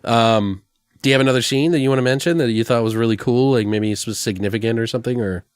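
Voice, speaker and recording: A man co-hosts a podcast, chatting loosely about a film and swearing freely in a casual review. His voice is medium-pitched, quick and smooth, recorded at studio quality with no echo.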